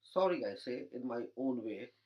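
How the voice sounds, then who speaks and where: A man's voice: mid-range voice, lively intonation, moderate pace, mellow. A man reciting rhyming comic verse in a dry, teasing way. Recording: dull lo-fi recording.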